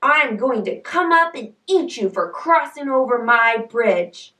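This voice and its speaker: A woman voicing a mean, hungry male troll who speaks gruffly and demands in a children's story. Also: on the high side, expressive, unhurried, pushed and bright, reverberant, distant mic, rough recording.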